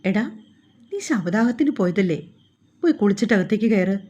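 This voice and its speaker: A woman's voice: mid-range voice, lively intonation, brisk, dark tone, close to an everyday voice. A woman voicing a caring middle-aged mother who fusses over her family in an audio story. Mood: fussing. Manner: worried, fussing.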